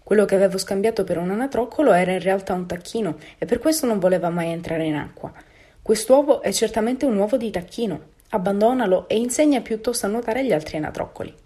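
A woman's voice: mid-range voice, expressive, fast talker, dark tone, breathy edge. A woman voicing a nosy, blunt old female duck in a storybook reading. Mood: bossy. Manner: blunt, bossy.

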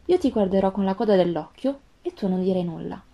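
A woman voicing a gentle, wise female fox with a calm, earnest tone in a storybook reading. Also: mid-range voice, a little fast, creaky, lo-fi sound.

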